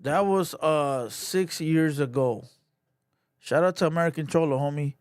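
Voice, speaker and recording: A man's voice: fairly high pitch, unhurried, smooth, no echo. Casual male streamer, easygoing slang, dead-dry close sound. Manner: laid-back slang, lots of "you know" and "bro". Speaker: livestream host. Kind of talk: casual livestream commentary.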